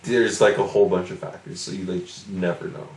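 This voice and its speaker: A man's voice: low voice, fairly even intonation, a little fast, a little mellow, roomy sound, rough recording. A man co-hosting a podcast in casual chat, hesitant and full of filler words. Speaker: podcast co-host.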